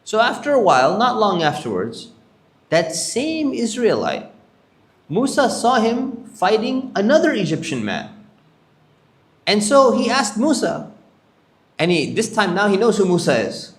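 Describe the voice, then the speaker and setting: Animated man telling a story in a hall. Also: sits high, a little slow, long pauses. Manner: animated storyteller acting out characters' lines. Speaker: sheikh telling prophet stories. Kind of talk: storytelling lecture. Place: Islamic center hall.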